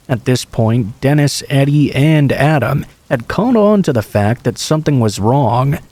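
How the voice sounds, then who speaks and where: A man reading true scary stories aloud in the first person, in an even storytelling way. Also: medium pitch, no echo. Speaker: horror story narrator.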